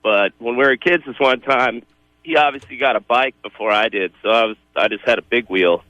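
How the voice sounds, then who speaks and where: A man calling in to a radio show, telling a childhood story with animated, laughing delivery. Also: mid-range voice, a little fast, no echo, dull audio. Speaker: caller. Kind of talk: phoned-in storytelling.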